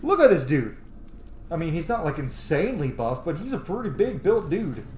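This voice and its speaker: Very animated and fairly high-pitched, the man talks at normal speed while streaming a game. His commentary is loose, profane, and self-mocking, and the room sounds echoey with clear noise in the background.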